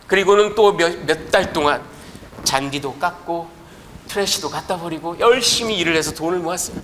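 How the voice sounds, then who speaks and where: A male pastor preaching a sermon in a church, telling a story in an animated, emphatic way. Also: fairly high pitch, a little fast, slight background noise.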